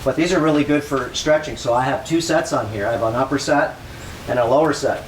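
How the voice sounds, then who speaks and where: A man's voice: medium pitch, a little fast. A man giving a casual, rambling exercise demonstration, instructing as he goes and repeating himself. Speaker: workout host. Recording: clearly noisy ambient background.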